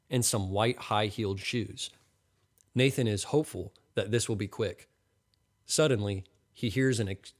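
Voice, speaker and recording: A man reading a crude comedy story as scripted narration, deadpan. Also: fairly low pitch.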